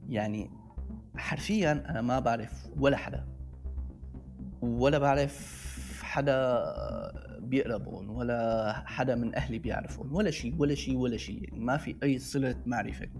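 A Syrian man tells a personal story in a Levantine Arabic accent over faint music. His voice sits at an average male pitch. He talks casually, slipping into quoted back-and-forth dialogue as he recounts things. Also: a little mellow. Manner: conversational, re-enacts dialogue as he tells it.

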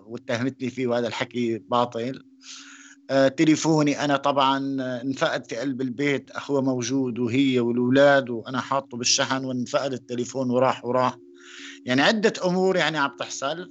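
A man from Syria with a Syrian accent, giving a personal testimony in a halting way, with frequent pauses and restarts. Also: mid-range voice, fairly bright tone, highs cut off. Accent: Syrian Arabic. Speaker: interviewee.

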